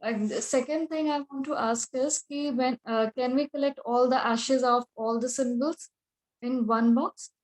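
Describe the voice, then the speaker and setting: A woman's voice: high-pitched, steady tone, moderate pace, a little mellow, low-quality recording. A woman with a North Indian accent, a native Hindi speaker, asking questions in a class politely and a little hesitantly. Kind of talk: casual class discussion. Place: online group class call.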